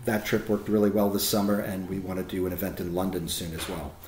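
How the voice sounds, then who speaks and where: A man speaking with warm enthusiasm, his voice climbing when he gets excited. He talks in an expansive, animated way, and the room around him has a noticeable echo. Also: sits low, fast talker, slight background noise. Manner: animated and expansive, rising emphasis. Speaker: guest, film location tour organizer. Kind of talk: enthusiastic interview talk.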